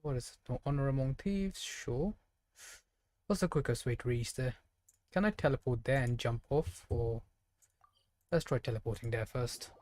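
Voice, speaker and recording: A video game streamer with a mid-range, darkish voice speaks at normal speed with long pauses. His live gameplay commentary is casual, and he chats playfully to the characters and enemies as he plays.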